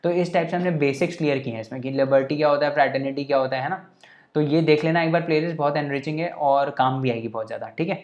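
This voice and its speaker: A man's voice: a little high, fast, a little mellow, dull audio. A man giving a casual coaching lecture for exam prep, talking conversationally, mixing in English terms and often checking that listeners follow. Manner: mixes English terms into Hindi.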